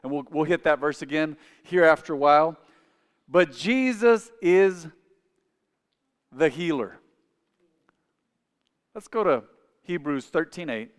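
A pastor in his forties preaches slowly in a church sanctuary, his smooth voice on the high side and broken by long pauses. He calls on the congregation to repeat phrases after him, and the large hall lends a long reverb.

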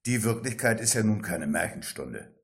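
A man's voice: on the low side, sing-song, moderate pace. Brief: a man voicing a smug corporate boss, blunt and dismissive. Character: smug cynical male corporate executive.

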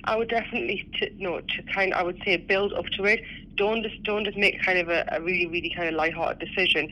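A man who used to smoke, talking earnestly about quitting, with halting restarts. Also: high voice, fairly even intonation, pushed and bright, a little hiss or hum, rough recording. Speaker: former smoker. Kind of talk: personal testimony.

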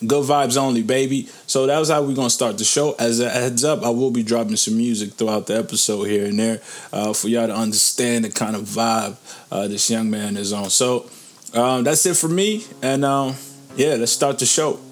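A man's voice: medium pitch, moderate pace. A man from Niger hosting a podcast in an informal, slangy way, chatting with rambling asides. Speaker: podcast host. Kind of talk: casual chat.

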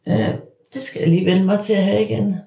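Woman in her 40s, husky gravelly low-toned podcast host, candid and personal. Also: steady tone, dark tone. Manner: candid, self-reflective.

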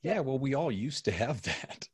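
A man's voice: mid-range voice, very animated, moderate pace, breathy edge, no room sound, clean studio sound. A man as a podcast guest, talking in an easygoing, reflective way with casual filler words. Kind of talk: casual conversation.

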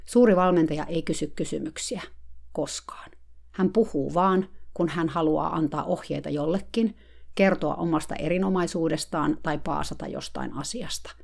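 Low gravelly woman reading wryly. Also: a little mellow. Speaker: blogger narrating a diary. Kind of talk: read diary narration.

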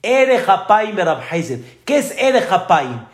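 Slow high-voiced male rabbi preaching. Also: sing-song, reverberant. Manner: teaching, asks the audience questions. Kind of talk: sermon.

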